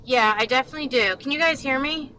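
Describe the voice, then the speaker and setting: A woman calling into a live debate, hesitant and halting as she explains her views. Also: high-pitched, sharp tone, poor audio. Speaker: caller.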